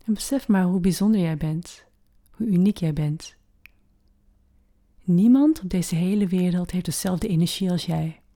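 Leading a guided meditation, a woman with a voice on the low side speaks softly and slowly, with long pauses. At many points she sinks into a breathy near-whisper.

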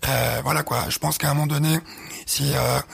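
A man's voice: mid-range voice, steady tone, normal speed, gravelly, a bit bright, husky. A man co-hosting a podcast in casual chat, speaking hesitantly with many fillers and explaining through images. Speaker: podcast co-host.

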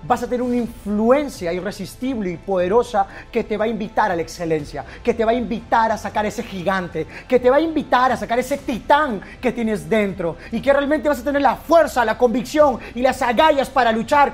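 A man giving an impassioned motivational speech, swinging between loud bursts and hushed, intense lines. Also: extremely high pitch, moderate pace, few pauses, soft background music. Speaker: motivational speaker.

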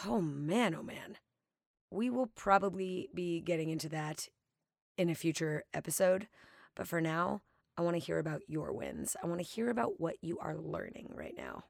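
A woman's voice: lowish voice, big pitch swings, normal speed, creaky, no room sound, clean studio sound. A woman hosting a podcast, talking casually and upbeat with a tired voice. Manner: chatty, self-deprecating, upbeat. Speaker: podcast host.

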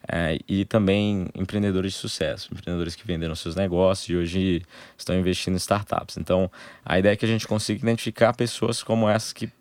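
Low-voiced Brazilian man explaining at length. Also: steady tone, dry recording. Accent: Brazilian Portuguese. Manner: explains in short, halting phrases. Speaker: interview guest, angel investor group member. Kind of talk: casual interview conversation.

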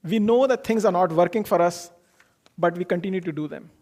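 A man's voice: high voice, fairly quick, darkish tone. A man gives an informal motivational talk, explaining earnestly through personal anecdotes and posing questions that he then answers. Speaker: speaker giving a self-improvement talk.

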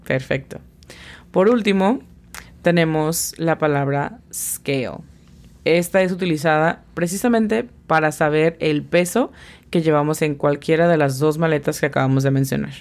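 A woman's voice: deep voice, normal speed. A woman teaching an English lesson who patiently spells out each word's pronunciation letter by letter. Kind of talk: scripted language lesson.

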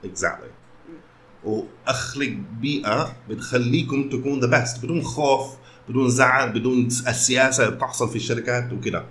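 A man's voice: mid-range voice, a little fast, a bit bright, a little hiss or hum. A man with a Sudanese Arabic accent in casual conversation, switching often between Arabic and English. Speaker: company founder.

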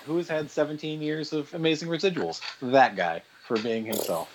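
A man guest on an interview podcast, telling animated stories in casual chat and quoting people in their voices. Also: a little high, normal speed, noisy background. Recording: dull lo-fi sound.

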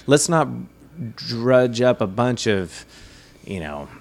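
A man hosting a casual podcast, chatting and reviewing a beer in a rambling, animated way. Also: medium pitch, slow. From United States. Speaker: podcast host.

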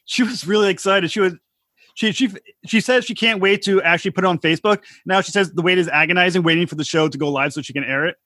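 A man's voice: high voice, fast, pushed and bright, no echo, clean studio sound. A man co-hosting a podcast, telling casual anecdotes in a chatty way. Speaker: podcast co-host.

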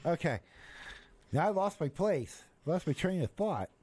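A man's voice: on the high side, sing-song, unhurried, darkish tone, slightly rough. A man hosting a casual live radio chat, joking and rambling with stumbling restarts. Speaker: radio show host.

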